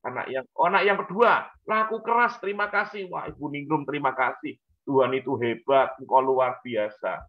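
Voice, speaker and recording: A man, telling a lively story with acted-out voices on a church talk show. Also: medium pitch, moderate pace. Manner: animated, acts out voices in his story. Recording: dull lo-fi sound.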